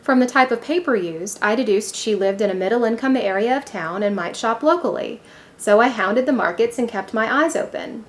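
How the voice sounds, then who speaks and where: A woman's voice: fairly high pitch, normal speed, close to an everyday voice. A woman reading the lines of an earnest young man eagerly explaining how he tracked someone down. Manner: eager, explaining his deductions. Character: earnest young man, proud amateur investigator.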